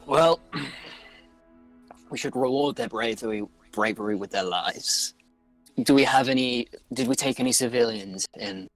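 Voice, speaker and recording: A man's voice: medium pitch, a little slow, no room sound, faint music behind, close to an everyday voice, rough recording. Man voicing a stern orc war chief, commanding, plain everyday voice, tabletop game.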